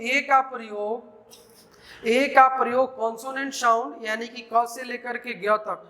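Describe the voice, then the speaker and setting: A man with a Bihari Hindi accent teaching a grammar lesson in a classroom, dictating slowly and quizzing his students with questions as he goes. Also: very high voice, pushed and bright.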